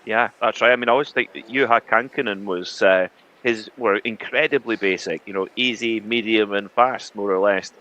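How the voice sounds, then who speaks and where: A man's voice: on the low side, normal speed, pushed and bright, highs cut off. A man commentating live on a rally, talking in an easygoing, chatty way with filler words.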